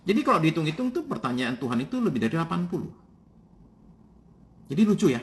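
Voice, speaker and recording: A male pastor preaching with a fairly high, very lively voice. He talks in a relaxed, chatty way, tossing in quick "ya" asides as he tells the story. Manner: casual, animated storytelling with frequent "ya" fillers. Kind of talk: sermon.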